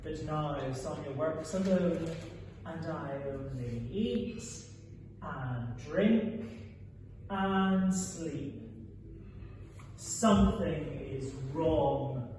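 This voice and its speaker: A bitter, idle country gentleman from a stage play, read from a script by a man, speaks in a soft-edged, high male voice. He is sardonic and theatrical and drags his phrases out. The sound is distant, in a very echoey hall. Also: drawn-out words. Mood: weary discontent. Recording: echoey hall from far off, faint noise.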